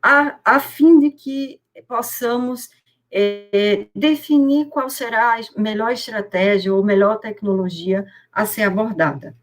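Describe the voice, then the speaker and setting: A woman's voice: fairly high pitch, slow. A woman giving an online lecture as a professor, her audio corrupted and cutting out over a video call, with hesitant fillers. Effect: corrupted glitchy audio, cutting in and out.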